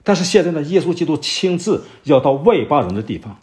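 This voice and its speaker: A man's voice: fairly high pitch, sing-song, brisk, a little mellow. Man giving an expository Bible sermon. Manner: expository Bible teaching with rhetorical questions; searches for references aloud with many fillers. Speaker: preacher.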